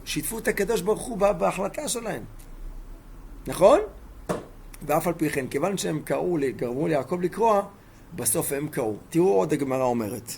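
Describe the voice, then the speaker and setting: Male rabbi, Torah class; emphatic storyteller, gravelly tone, faint hiss in the background. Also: high-pitched. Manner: emphatic, fires rhetorical questions at listeners.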